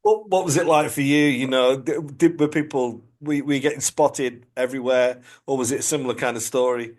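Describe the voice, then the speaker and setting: A man at an ordinary pitch hosts a podcast interview. He is a priest and asks his questions in a loose, conversational way, often restarting his sentences. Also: fairly quick, darkish tone.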